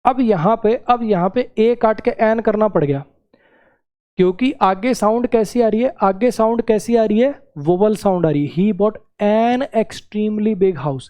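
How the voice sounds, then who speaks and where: A man's voice: high voice, moderate pace, mellow. A man teaching English grammar in a classroom-style lesson, repeating key words and checking that students follow.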